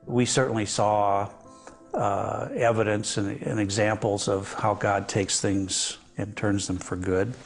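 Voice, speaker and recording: A low, gravelly older man speaks in a measured, hesitant way, pausing often as he reflects in a television interview. Faint music sits softly behind his voice. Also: level tone. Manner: measured, hesitant with frequent fillers. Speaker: interview guest.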